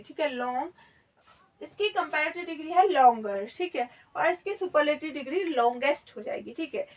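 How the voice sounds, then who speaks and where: A woman's voice: high voice, far from the mic. A woman teaching a grammar lesson, explaining step by step and checking in often. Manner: explains step by step, repeats "theek hai" often.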